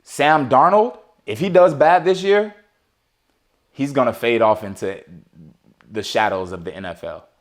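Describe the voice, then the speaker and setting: A man co-hosts a laid-back sports talk show, riffing loosely with many restarts and fillers. He breaks into playful, excited outbursts mid-thought. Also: mid-range voice, a little slow, pauses often. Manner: animated, talks over his co-host with playful outbursts. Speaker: podcast co-host. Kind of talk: casual sports chat.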